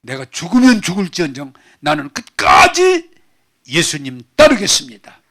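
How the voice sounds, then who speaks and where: A man's voice: fairly high pitch, very animated, takes it slowly, vocal fry, fairly bright tone, breathy edge, heavily acted. A male pastor acting out an impulsive fisherman disciple who blurts out emphatic declarations. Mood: boastful.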